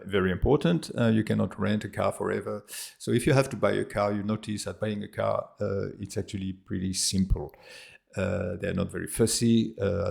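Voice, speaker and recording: A middle-aged expat vlogger from France and Australia talks casually to camera with a French accent, hesitating often with fillers and restarts. His voice is fairly low and a little mellow, with vocal fry.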